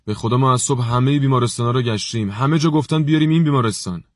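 A man voicing an anxious older friend who rushes to plead with a doctor. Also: medium pitch, no room sound, clean studio sound, voice pushed up, natural voice. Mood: hurried pleading. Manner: hurried, pleading, reassuring.

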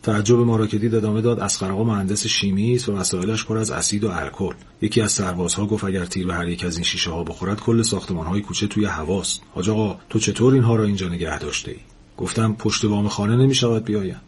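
Deep-voiced man narrating a story. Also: steady tone, hardly any pauses, breathy edge. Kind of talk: audiobook narration.

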